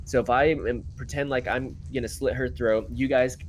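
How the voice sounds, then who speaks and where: A man with a medium-pitched voice plays a tabletop game. He lays out plans in casual, conversational talk, with light noise in the room. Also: fairly even intonation, moderate pace. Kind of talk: casual in-game planning chat.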